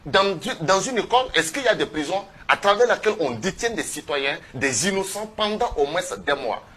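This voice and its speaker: An activist appearing as a guest on a TV panel gives impassioned testimony in a television studio, speaking emphatically and haltingly and often repeating phrases. His voice sits high and is expressive, with a sharp tone.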